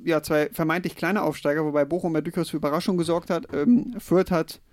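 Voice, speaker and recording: A man talking casually as a podcast co-host, with plenty of filler sounds. His voice is a bit high and his pace is brisk. The recording is close and dry. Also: darkish tone, dry recording. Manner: chatty, many fillers. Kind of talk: casual football chat.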